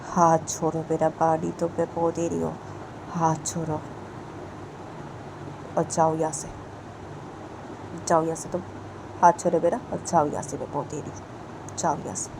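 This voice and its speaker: Woman doing a stubborn, curt young woman, gravelly voice, road noise behind. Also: low voice, little pitch movement, measured pace, pauses often. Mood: angry. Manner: curt, snapping refusals.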